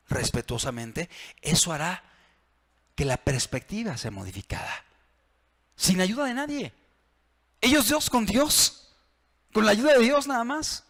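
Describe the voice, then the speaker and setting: A man's voice: on the high side, fairly bright tone. A man, a pastor preaching to married couples, acting out phrases in different tones. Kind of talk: sermon on marriage. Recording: long reverb of a hall.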